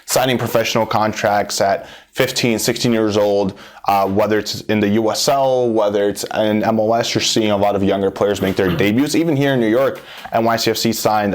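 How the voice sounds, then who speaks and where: A man from Brazil speaks as a guest on a podcast, his voice sitting a little low. He explains his views steadily, pausing often on "um" while he gathers his thoughts. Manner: measured, hedging with frequent ums. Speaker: soccer scout. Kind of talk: interview guest.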